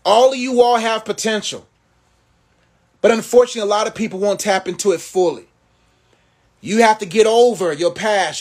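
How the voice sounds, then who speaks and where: In a live Q&A on social media, a man whose voice sits high delivers a motivating, preacher-style message. His cadence is rhythmic and sermonic, and he addresses viewers as though they were family.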